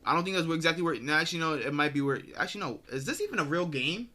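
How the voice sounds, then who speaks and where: A man with a bright, forceful voice pitched a little high rambles through a casual reaction. He keeps correcting himself, throws in slang and talks straight to his viewers, with keyboard typing heard behind him. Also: lively intonation, very fast. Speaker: streamer reacting to a video.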